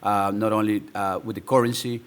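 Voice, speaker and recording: A man's voice: lowish voice, little pitch movement, fairly quick, clean tone. A man, a business owner telling his story as a podcast guest with enthusiasm and many fillers. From El Salvador. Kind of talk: casual interview.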